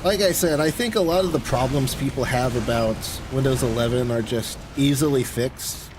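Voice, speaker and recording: A man with a medium-pitched voice talks at normal speed while gaming on stream, rambling casually and offhandedly. Game sounds can be heard clearly behind him.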